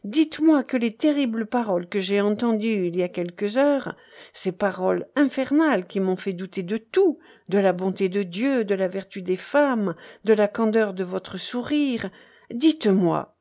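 A woman's voice: mid-range voice, animated, moderate pace, warm tone. A woman voicing an angry, suspicious nobleman who questions harshly, in a read-aloud story.

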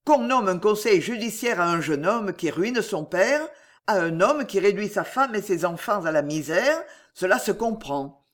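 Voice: mid-range voice, lively intonation, normal speed, natural voice. A reader voicing a proud, hot-tempered young duke who talks in an impassioned, insistent way. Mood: indignant. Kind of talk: audiobook character reading.

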